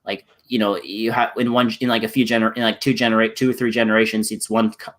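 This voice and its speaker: A man's voice: lowish voice, little pitch movement, fast talker, a bit bright. A man in a casual political discussion, rambling with many restarts and fillers. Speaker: channel host in a discussion.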